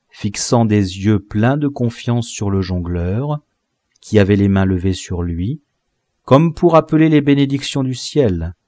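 A man reading a classic novel aloud as an audiobook narrator, in a measured, expressive way. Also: fairly low pitch, dry recording. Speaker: audiobook reader.

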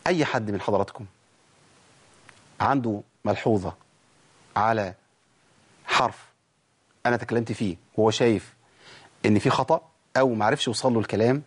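A man with an Egyptian accent teaching tajweed on a TV show, lively, talking straight to the viewers and drawing out sounds slowly to demonstrate them. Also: fairly low pitch, husky. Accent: Egyptian Arabic. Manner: lively explaining, addresses the audience directly. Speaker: Quran recitation teacher.

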